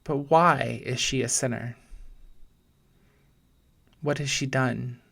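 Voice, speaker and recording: This pastor leads a guided meditation in a medium-pitched, slightly creaky voice, keeping a steady tone and a very slow pace. He turns scripture into an imagined scene, speaking gently and deliberately with pauses between brief phrases.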